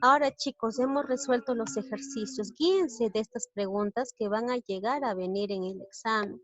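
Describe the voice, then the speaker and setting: A woman's voice: a little high, moderate pace. A woman teacher from Peru talking students through an exam review, asking questions and explaining each answer step by step. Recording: dull lo-fi recording.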